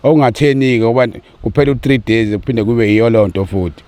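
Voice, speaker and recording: A man's voice: medium pitch, brisk, a little mellow, dry recording. A South African man with a Zulu accent giving an earnest personal account in an interview. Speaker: interviewee speaking for his family about an ill brother.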